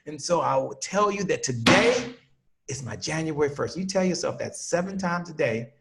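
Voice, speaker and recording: A man's voice: fairly high pitch, lively intonation, moderate pace, creaky, a bit bright. A man who trains sales teams, a guest telling a personal story in an earnest, motivational way.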